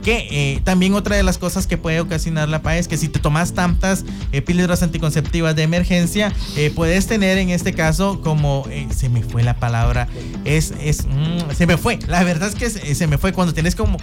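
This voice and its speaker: Lady hosting a radio show, kinda halting, music playing underneath. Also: lowish voice. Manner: halting, often searching for words. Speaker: radio host. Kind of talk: educational radio talk.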